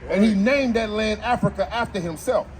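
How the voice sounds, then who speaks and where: A man preaching on a city street, forceful and argumentative as he quotes scripture. His voice sits high for a man, with faint noise behind him. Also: moderate pace. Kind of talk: street preaching and Bible teaching.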